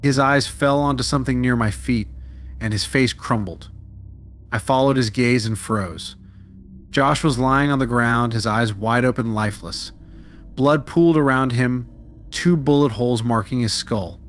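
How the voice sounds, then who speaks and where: A man's voice: medium pitch, normal speed. Man narrating a scary story. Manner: steady dramatic storytelling. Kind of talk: scripted horror story narration.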